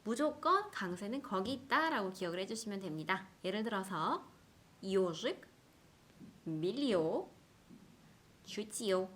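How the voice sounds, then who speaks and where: A woman with a Russian accent teaching a language lesson, explaining patiently and slowing down to sound out example words. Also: mid-range voice, a bit bright. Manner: clear, patient explaining with slow drawn-out examples. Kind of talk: scripted lesson.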